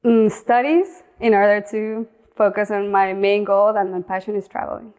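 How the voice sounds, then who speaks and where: Her first language is Spanish, and this young woman speaks English with a Mexican accent as a guest on a casual interview, where she talks about her work as an outdoor content creator. She has a clear, resonant tone within a narrow, even pitch band and often breaks off and restarts her phrases.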